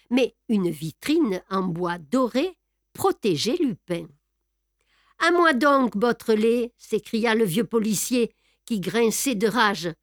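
Slow, measured woman narrating a novel. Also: medium pitch, no room sound, clean studio sound. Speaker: reader. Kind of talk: audiobook narration.

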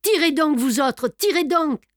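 A woman's voice: fairly high pitch, unhurried, no room sound, clean studio sound, close to an everyday voice. Woman reading vengeful English detective, harsh, accusing, audiobook. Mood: furious. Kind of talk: audiobook character voice.

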